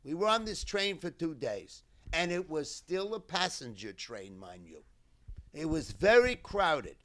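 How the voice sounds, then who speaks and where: Cantor giving a memorial keynote, slightly high voice, slow deliberate phrasing, first-person story. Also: male voice, sing-song, a bit bright. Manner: measured, deliberate delivery in short phrases.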